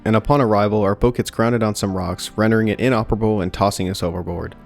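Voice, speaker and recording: A young man narrating a scripted video game review in a steady, dry way with light jokes. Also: on the low side, quick pace, creaky. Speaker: gaming YouTuber. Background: soft background music.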